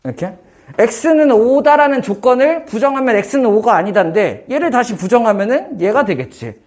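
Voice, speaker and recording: A man teaching math in a casual one-on-one lesson, firing quick questions at his student and joking. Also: extremely high pitch, sing-song, a little mellow, highs cut off. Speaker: math tutor.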